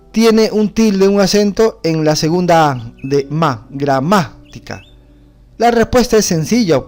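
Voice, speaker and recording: A man's voice: high voice, a little mellow. A man with a Bolivian Spanish accent teaching a Bible class, explaining points and asking the class rhetorical questions.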